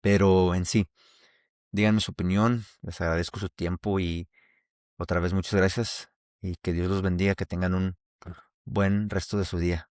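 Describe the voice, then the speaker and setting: This podcast host is a man from Mexico who speaks with a Mexican Spanish accent, wandering through a casual solo show with many restarts. His voice is deep and a little mellow, moving little in pitch at a moderate pace. There's no room sound, just clean studio audio.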